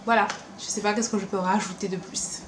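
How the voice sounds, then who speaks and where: A young beauty vlogger, born in Paris and also raised in Martinique, chats casually to camera from a room at home, her mid-range voice carrying a French Caribbean accent mixed with Parisian French. She's lively and animated, tossing in quick asides and acting out quotes. The room is echoey, with some background noise.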